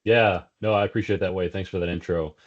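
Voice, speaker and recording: Guesting on a casual business interview, a middle-aged sales executive from South Africa talks at a quick pace in a low, steady voice. His South African accent has a slight Texas twang, and he speaks conversationally with plenty of fillers and restarts. The sound is dull and lo-fi.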